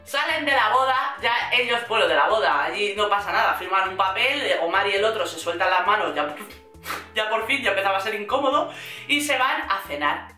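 A woman from Spain with a Spain Spanish accent, sarcastically recapping a reality show in animated casual chat. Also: mid-range voice, brisk. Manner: sarcastic, animated, acts out quotes. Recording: roomy echo, faint music.

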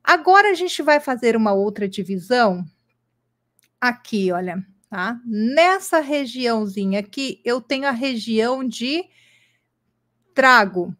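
A woman's voice: a little high, fairly bright tone. A woman teacher giving an online lesson, speaking patiently and checking in often with her students. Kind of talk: online lesson with screen drawing.

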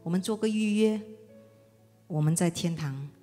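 A woman's voice: lowish voice, moderate pace, natural voice. A woman voicing her dying husband in a testimony sermon, tender and pleading, at times crying out. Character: dying husband, gentle then overjoyed. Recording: long hall reverb with soft music.

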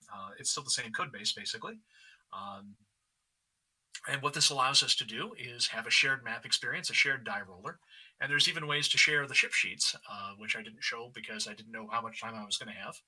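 A man's voice: medium pitch, normal speed, sharp tone, slightly rough, rough recording. A man designing games, explaining a virtual map demo on an online panel call. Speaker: game designer.

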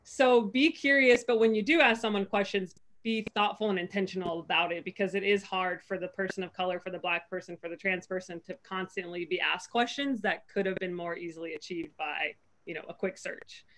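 A young adult woman speaking as a panelist on a video call from home. She talks in an earnest, reflective way, leaning on "like" and acting out her own inner thoughts in quick voices. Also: fairly low pitch, fairly bright tone. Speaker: panelist, pro basketball player. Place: home room. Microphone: video call, laptop webcam.

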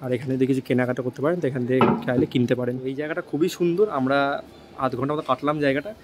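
Rapid-talking male travel vlogger. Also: medium pitch, steady tone, very noisy. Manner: rapid chatty guiding, addresses viewers directly. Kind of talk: casual walk-and-talk travel vlog. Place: temple grounds, walking around.

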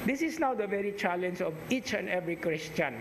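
A middle-aged priest with a Cebuano Filipino accent giving a conversational, teacherly homily, dropping into Cebuano asides. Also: male voice, high-pitched, expressive, fairly quick. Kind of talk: sermon. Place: chapel altar, indoors. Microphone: stand mic at pulpit. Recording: echoey church with background hiss.

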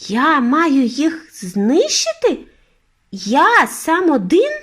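An eager, impatient little boy's voice pushed high and bright, as a woman puts him on in a children's audiobook. He exclaims and presses with quick questions, the pitch leaping around excitedly. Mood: dismayed. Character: excited young boy turned mouse.

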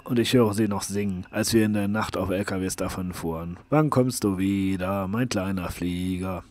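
A man reading a first-person memoir aloud as an audiobook, dramatic at times and hushed at others. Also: on the low side. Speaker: audiobook reader. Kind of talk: scripted narration of a memoir.

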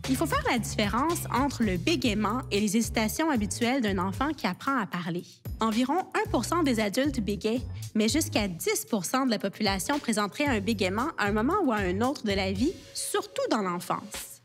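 Woman narrating a documentary, slightly high. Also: lively intonation, moderate pace, faint music behind.

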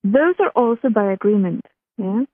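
A woman's voice: mid-range voice, animated, moderate pace, breathy edge, no room sound. Woman from Chile on a tinny phone line. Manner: chatty, restarts sentences, laughs while telling. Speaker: guest. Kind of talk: casual interview storytelling. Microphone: telephone.

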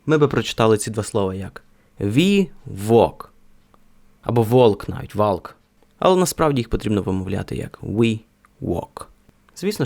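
A man's voice: fairly low pitch, gravelly, a little mellow. A young man in his twenties from Ukraine, giving a pronunciation lesson and spelling out sounds one by one. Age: 20s. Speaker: language teacher.

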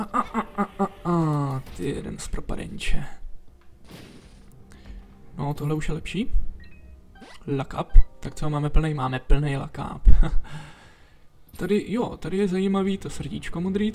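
A man's voice: a little high, darkish tone. Chatty young man narrating gameplay. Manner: chatty, talks to himself and to enemies while playing. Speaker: gameplay commentator. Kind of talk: casual let's play commentary. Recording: faint background game music. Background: game music.

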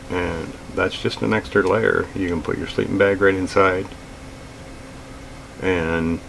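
A middle-aged man in a small gear-filled room, talking casually to camera about budget outdoor gear, relaxed and plain-spoken with frequent fillers. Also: sits low, vocal fry, a little hiss or hum, poor audio. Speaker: outdoors vlogger.

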